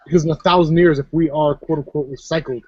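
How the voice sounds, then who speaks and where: A brash man from Minnesota riffs through casual chat, swearing freely and rambling. His voice sits fairly high and sounds dry and close. The call audio is dull and lo-fi. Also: steady tone, fast, darkish tone, slightly rough, no room sound.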